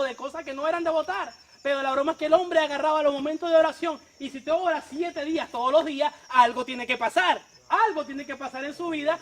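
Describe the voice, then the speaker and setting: A male evangelist preaching a testimony sermon, telling his story fervently and swelling loud on calls of praise. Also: extremely high pitch.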